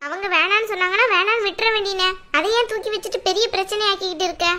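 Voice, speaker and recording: A woman's voice: extremely high pitch, steady tone, rapid-fire, crowd noise. A woman voicing a stern older aunt who scolds her nephew bluntly in a family drama skit. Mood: scolding.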